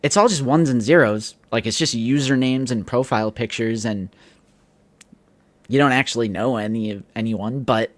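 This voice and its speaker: A man's voice: medium pitch, moderate pace, no room sound. Guy in his 20s hosting a podcast, dry close sound, says like a lot. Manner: relaxed, chatty, lots of "like". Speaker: podcast co-host. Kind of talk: casual chat.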